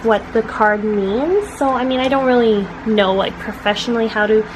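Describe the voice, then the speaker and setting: A woman's voice: on the high side, moderate pace. A young Canadian woman vlogging in a casual, rambling way with lots of fillers. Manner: chatty, rambling with many fillers. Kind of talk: casual vlog chat. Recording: noisy background.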